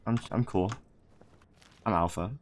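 A man's voice: deep voice, unhurried, a crowd in the background. A young man chatting casually while playing a co-op game, laid-back, joking and swearing often. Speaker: co-op gamer. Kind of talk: casual gaming chat.

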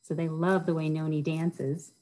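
A warm, low-sitting voice with little pitch movement and a moderate pace belongs to a middle-aged American children's librarian hosting storytime. She reads aloud, chats simply and puts questions to young listeners in a small wood-panelled room, with rough recording from a webcam or laptop at arm's length.

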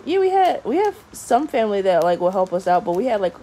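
A woman's voice: mid-range voice, big pitch swings, quick pace, dark tone. Young woman, scratchy morning voice, chatty, laughs often, home vlog, handheld camera, faint background noise. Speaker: family vlogger. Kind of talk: casual family vlog chat.

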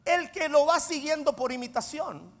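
A man preaching a sermon, swinging between loud emphatic declarations and low, intense asides. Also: normal speed. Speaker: apostle preaching. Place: church hall. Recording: long reverb of a large hall.

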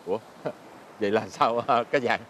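In this fairy-tale drama performance, an older man with a Southern Vietnamese accent voices a poor, laid-back old fisherman prone to chuckles and hesitations. The mid-range, fairly bright voice moves at a normal speed and sounds close to everyday speech, with a faint hiss or hum.

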